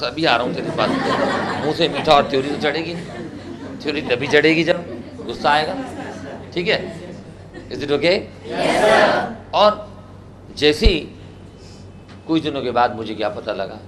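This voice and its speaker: A man's voice: mid-range voice, background noise. A man from India teaching a spoken English class, quizzing students and drilling repetition. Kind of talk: classroom language lesson.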